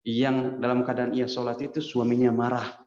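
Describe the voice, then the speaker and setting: Lively man teaching in an echoey mosque. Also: mid-range voice, moderate pace. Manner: lively, addresses listeners as Pak, acts out quotes. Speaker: preacher. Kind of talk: mosque hadith lesson. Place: mosque hall. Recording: echoey dull mosque recording.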